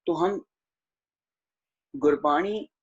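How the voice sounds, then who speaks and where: This man, a Gurbani grammar teacher, speaks in a husky, somewhat high voice during an online video-call lecture on scriptural pronunciation. He breaks each sound down carefully syllable by syllable and speaks to his listeners with respect, and the call audio comes through dull and lo-fi.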